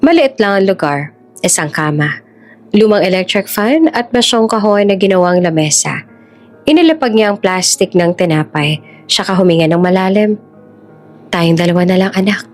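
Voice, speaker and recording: A woman narrating a scripted story in an even, measured way. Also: medium pitch, soft background music.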